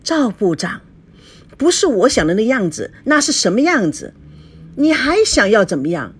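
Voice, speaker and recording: A betrayed young wife, voiced by a woman reading the story, lashes out in a high, shrill and accusing voice. Her pitch leaps around wildly. The tone stays somewhat husky and breathy. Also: big pitch swings, normal speed, heavily acted. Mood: furious.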